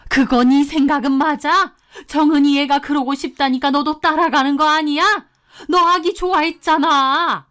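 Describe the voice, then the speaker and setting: A woman's voice: on the high side, unhurried, close to an everyday voice. A woman voicing an angry older mother-in-law in an audiobook story, scolding in indignant outbursts. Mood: furious. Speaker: narrated story character.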